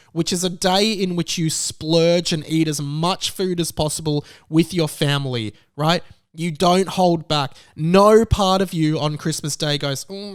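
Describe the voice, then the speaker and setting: Ranting about a news story, a young Australian YouTube commentator sounds emphatic, fed up and comically indignant. His slightly high voice is clear and resonant, recorded clean in a studio with no room sound.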